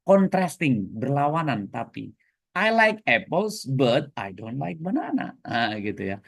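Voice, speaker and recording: A man's voice: mid-range voice, a little slow, vocal fry, dry recording, clean studio sound. A man with an Indonesian accent teaching an English lesson to a class, explaining and prompting students to repeat. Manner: lively, switches between explaining and prompting the class.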